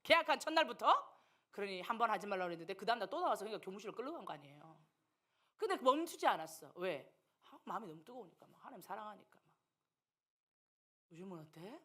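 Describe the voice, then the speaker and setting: A woman missionary preaching a sermon to young people, animated and teasing, acting out the voices of people she quotes. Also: mid-range voice, quick pace, pauses often, husky.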